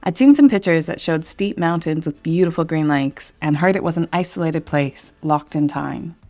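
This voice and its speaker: A woman with a low voice narrates her travel film in a scripted, measured way. Her delivery is reflective, with faint music running beneath it. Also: dark tone. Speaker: vlog narrator.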